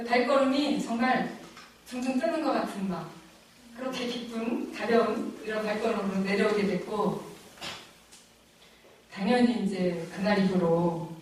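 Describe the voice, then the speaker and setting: A middle-aged woman giving a personal faith testimony at a church lecture, telling her story in an animated, emotional way and laughing often. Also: a little high, very echoey, distant mic, slight background noise, low-quality recording.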